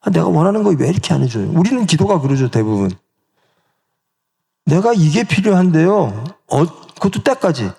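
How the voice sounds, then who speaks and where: A male pastor in middle age delivers a sermon in a church. His voice is somewhat high for a man, with a gravelly edge and a very lively, rising-and-falling pitch. He keeps asking the congregation questions and slips into the quoted voices himself. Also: normal speed. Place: church sanctuary.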